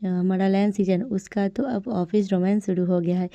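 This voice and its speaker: Dark-voiced woman recapping a drama. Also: mid-range voice, steady tone, normal speed, dry recording. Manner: chatty, with frequent fillers and tag questions. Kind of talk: casual story recap. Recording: dull, dry lo-fi recording.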